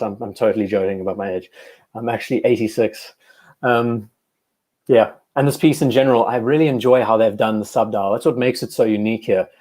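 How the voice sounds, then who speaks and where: A young man in his twenties hosts a live stream in a loose, chatty way. His voice sits at an ordinary middle pitch, and he often stops to fix a word or answer the chat. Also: darkish tone. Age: 20s. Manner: chatty, reads live chat aloud, self-correcting. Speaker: host. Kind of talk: casual livestream chat.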